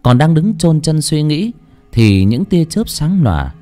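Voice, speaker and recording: A man narrating a horror story in a dramatic, expressive way. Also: on the high side, unhurried. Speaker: audiobook narrator. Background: faint music.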